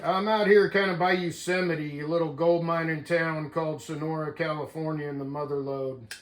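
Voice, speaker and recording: An American man who operates CB radio hosts a hobby video, chatting casually in a folksy way and saying "man" a lot. His voice is fairly high, his intonation fairly even, and his pace moderate. Crowd noise sits in the background, and the room gives a roomy echo.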